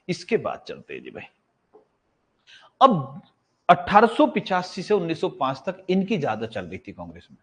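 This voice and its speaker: A male teacher giving an exam-prep history lesson in a casual way. He asks a question, answers it himself and repeats the key facts. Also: mid-range voice. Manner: casual, addresses students as bhai. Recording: slightly dull lo-fi sound.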